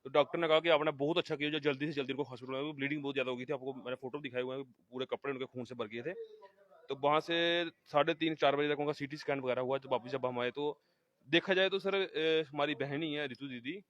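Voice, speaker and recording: A man, a relative of the family, giving an emphatic, rapid account in an on-the-spot interview, with frequent restarts. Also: medium pitch, fairly even intonation, fairly bright tone. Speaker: eyewitness relative. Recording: dull, lo-fi field audio.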